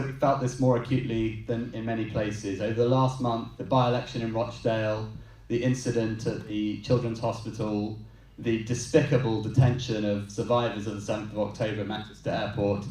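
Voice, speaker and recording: Man, candidate speech, mellow voice, echoey hall, distant mic. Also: on the low side. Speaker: candidate at a hustings. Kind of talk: prepared campaign speech. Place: large hall with an audience.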